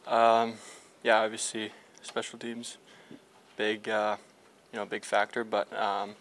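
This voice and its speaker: Surrounded by reporters' handheld microphones held close, a young man who plays hockey speaks slowly in the locker room after the game. His voice sits on the low side with a fairly bright tone and no inflection at all, and he leans on fillers and restarts throughout this post-game scrum.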